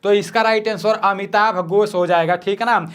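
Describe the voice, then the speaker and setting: A young man teaching exam questions at home at night, talking softly and repeating each question. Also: sits high, fairly even intonation, normal speed, clean tone. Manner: soft-spoken, repeats each question, frequent "theek hai na". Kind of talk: quiz-style exam lesson.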